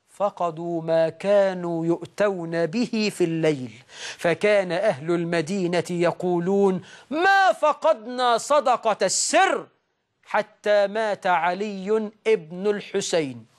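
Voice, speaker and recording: A man preaching a sermon in an Egyptian accent, moving between slow, drawn-out recitation and sudden raised outbursts. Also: high voice. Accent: Egyptian Arabic.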